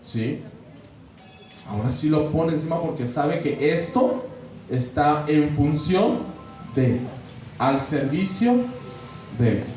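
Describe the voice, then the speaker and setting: A man's voice: fairly high pitch, lively intonation, takes it slowly, pauses often, darkish tone, faint music behind. Mexican man lecturing in an echoey hall. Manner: conversational, checks in with frequent questions. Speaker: catechist trainer. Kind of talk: lecture to a class. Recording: very echoey room, voice far from mic.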